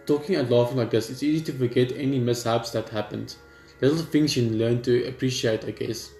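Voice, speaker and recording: There's vocal fry in this man's medium-pitched, slightly mellow voice, and he speaks fairly quickly. Hosting a gaming video, he reads game text aloud with offhand asides and the occasional stumble, in an echoey room over game music.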